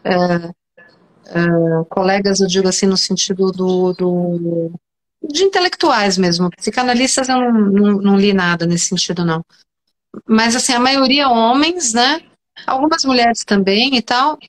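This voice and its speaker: A woman's voice: medium pitch, unhurried. A Brazilian woman psychoanalyst talking animatedly as a guest in an online interview, emphatic and often restarting her sentences. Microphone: video call.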